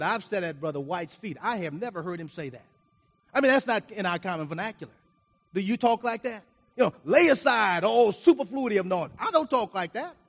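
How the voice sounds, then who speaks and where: A man preaching a sermon, reading scripture aloud and explaining it, his volume rising and falling for emphasis. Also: high voice. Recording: reverberant hall.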